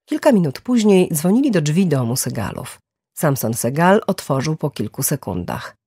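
A woman narrating a crime thriller audiobook in a lively reading voice. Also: low-pitched, moderate pace, breathy edge, dry recording, clean studio sound.

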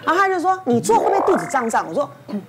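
A woman's voice: high voice, racing, heavy background noise. A woman guest on a talk show, telling an anecdote and acting out each person's lines. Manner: lively storytelling that acts out dialogue. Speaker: celebrity guest.

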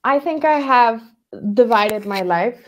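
A woman's voice: on the high side, lively intonation, unhurried, a little hiss or hum. A woman in her thirties from Venezuela, a guest telling her story in a casual interview over a video call, laughing often. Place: home workroom, indoors. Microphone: headset on a video call.

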